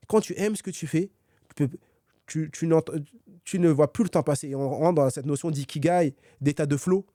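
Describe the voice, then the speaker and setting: A man's voice: fairly high pitch, mellow, no room sound, clean studio sound. A man being interviewed as a guest author, talking energetically with many fillers and restarts. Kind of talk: conversational podcast dialogue.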